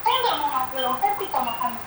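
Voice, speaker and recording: High-voiced woman calling in from far off. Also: quick pace, heavy reverb, heavy background noise. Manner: animated storytelling, acting out quoted arguments. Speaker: caller, migrant domestic worker. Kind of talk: phone-in complaint, retelling a dispute.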